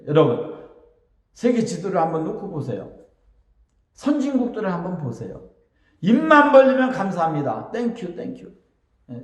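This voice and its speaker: A man's voice: on the high side, creaky. A man from Chungcheong preaching a Sunday sermon as pastor, emphatic and repeating his key phrases with short affirming asides. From Chungcheong, South Korea. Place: church sanctuary. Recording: echoey reverberant church hall.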